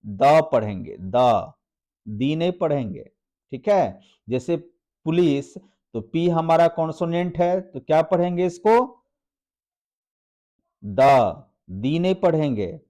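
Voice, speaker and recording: A man gives an English grammar lesson at an unhurried, very slow pace. His voice is dark and mellow and sits a little high. He asks a question and then answers it himself, stretching out each example word. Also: animated. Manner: spells out example words slowly. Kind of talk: classroom-style video lesson.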